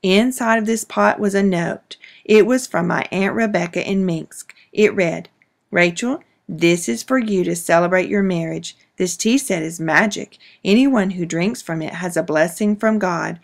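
A woman voicing a devoted mother in a storybook, speaking gently. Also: on the low side, a little slow, vocal fry. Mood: fond. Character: warm devoted mother telling family stories.

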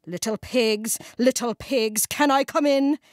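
A woman voicing a big bad male wolf who makes slow, drawn-out threats in a storybook reading. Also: on the high side, dry recording, studio quality, close to an everyday voice. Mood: menacing.

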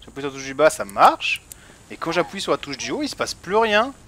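A man's voice: fairly high pitch, very animated, fairly quick, bright, forceful tone, a little hiss or hum. A man commenting casually on his video game, thinking aloud in colloquial language. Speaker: let's play gamer.

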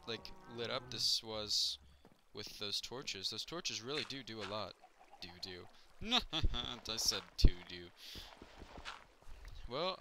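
A young man casually commenting on his own Minecraft play as a gaming YouTuber, chatty and excitable, yelping when things go wrong. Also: medium pitch, noisy background.

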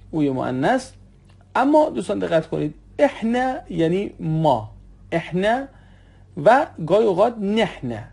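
Guy teaching a language, kinda gravelly voice, says every word twice slow so you can repeat. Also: on the high side, a little mellow. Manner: slow, repeats each word for learners to echo. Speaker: Arabic teacher. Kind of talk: spoken language lesson.

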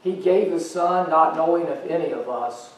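Heard from a distance in a strongly echoing church, a middle-aged American pastor preaches at normal speed in a fairly high voice. He paces and gestures across the sanctuary stage, keeping his sermon conversational and folksy, with fillers.

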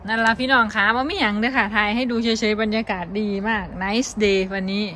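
A woman's voice: a little high, fairly even intonation, a little fast, sharp tone, a little hiss or hum. A woman with an Isan Thai accent, chatting casually to her viewers in a vlog while showing a garden outdoors. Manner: chatty, addresses viewers as brothers and sisters. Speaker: vlogger.

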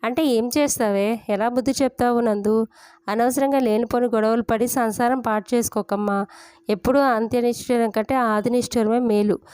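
A woman voicing a cautious, gentle father who speaks softly and hesitantly, in a storybook reading. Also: on the high side, steady tone, normal speed, clean tone, no room sound, natural voice. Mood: worried. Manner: soft, hesitant.

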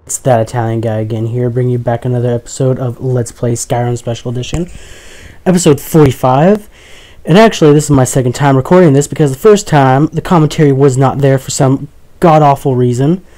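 A young man giving casual, chatty let's play commentary, joking with his viewers and reacting out loud as he plays. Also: medium pitch, brisk. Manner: chatty, jokey, talks to the viewers, easily startled. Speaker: gaming commentator.

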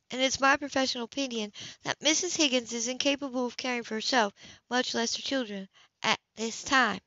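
An amateur audiobook narrator, a woman, reads a romance novel aloud, often slipping and restarting. Her fairly high voice is bright and forceful, recorded dry with the highs cut off.

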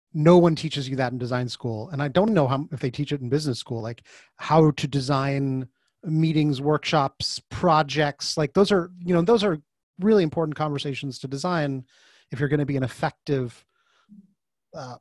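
A man with a fairly high voice appears as a podcast guest over a video call; he is an author and design facilitator. Speaking at a moderate pace, he chats casually and animatedly in this conversational interview, acting out the quoted voices in his stories. There is no room sound.

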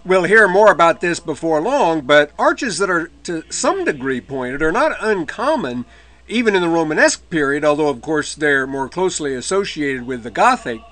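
A man's voice: a little high, sing-song, normal speed, fairly bright tone. A man giving a recorded history lecture, explaining in a conversational way with dry asides and occasional mid-word self-corrections.

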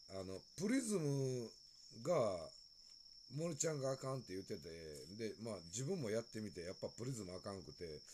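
Lively low-voiced Kansai man streaming. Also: background noise. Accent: Kansai Japanese. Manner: loose and chatty, greeting viewers and laughing often. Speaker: live streamer. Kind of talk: late-night live stream chat. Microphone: phone.

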